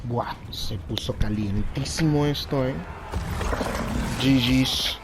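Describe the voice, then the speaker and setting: Mexican Spanish man commenting over loud game noise. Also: medium pitch, takes it slowly. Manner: slangy, informal. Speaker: gamer commenting on gameplay. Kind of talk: casual gameplay commentary. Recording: noisy, loud game battle sound behind. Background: video game battle audio.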